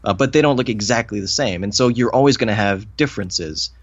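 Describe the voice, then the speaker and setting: Low-voiced man musing hesitantly. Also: brisk, breathy edge, no echo, muffled recording. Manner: thoughtful, hesitant, with fillers and restarts. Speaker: podcast co-host. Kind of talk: casual podcast chat.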